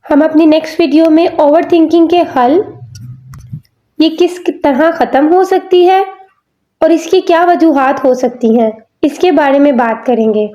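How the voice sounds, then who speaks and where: Woman, high-pitched, earnest, measured, scripted explainer, list-like delivery. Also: steady tone, warm tone, muffled recording. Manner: measured, earnest, builds points in repeated lists. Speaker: channel host explaining psychology.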